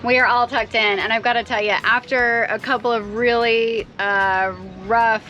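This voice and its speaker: A woman's voice: on the high side, fairly even intonation, moderate pace, sharp tone, dull audio. A North American woman chatting casually to the camera as a sailing vlogger on a boat. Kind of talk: casual vlog chat. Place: on a sailboat.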